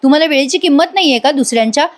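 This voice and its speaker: A woman's voice: high-pitched, very fast, pitched above the performer's own voice, natural voice. A woman playing an exasperated young woman. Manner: exasperated, scolding outbursts. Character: young woman, frustrated job seeker.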